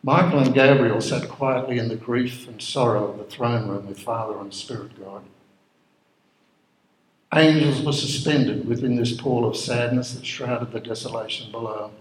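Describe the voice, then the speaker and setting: A man narrating a dramatic story in a measured, solemn way. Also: medium pitch. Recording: roomy echo.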